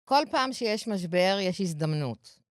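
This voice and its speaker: A woman counselor on a podcast talks through her point like a lecture. Her pitch swings up and down a lot, and she acts out what spouses might say. The sound is close and dry. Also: animated, dry recording. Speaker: couples and family counselor. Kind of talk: podcast conversation.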